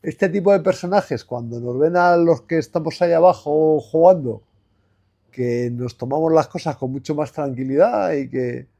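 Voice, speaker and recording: A man from Madrid, Spain, now in his sixties and once a basketball player, speaks as a guest in a relaxed interview. He's reflective and meandering, restarting often and leaning on fillers, in a warm, slightly high voice.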